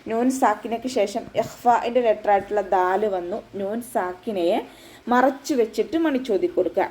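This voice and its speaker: A woman's voice: mid-range voice, moderate pace, darkish tone, a little hiss or hum, rough recording. A woman Quran teacher giving a patient, step-by-step tajweed lesson, often checking that her students follow. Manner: patient step-by-step instruction, with frequent checks for understanding.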